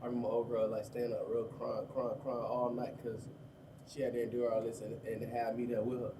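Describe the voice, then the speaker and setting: Miami guy around thirty talking quick and loose, kinda far from the mic, faint room noise. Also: medium pitch, completely flat delivery. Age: 30s. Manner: fast, loose street slang, lots of "you know what I'm saying". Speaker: rapper guest. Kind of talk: casual interview chat.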